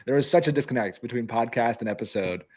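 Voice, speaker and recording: A man co-hosting a casual livestream chat, enthusiastic and quick to laugh. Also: mid-range voice, a little mellow. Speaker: co-host.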